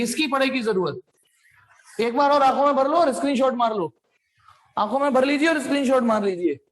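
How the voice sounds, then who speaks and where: A man's voice: very high voice, rough recording. A man teaching physics in a live online class, quizzing his students, calling them child and adding playful sound effects.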